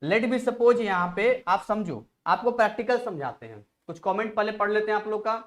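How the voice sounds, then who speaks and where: A man's voice: high voice, lively intonation, moderate pace, a bit bright. A man teaching a live online physics class, chatty and repetitive, drifting off into side stories before returning to the lesson. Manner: chatty, digresses, repeats phrases to drill a point.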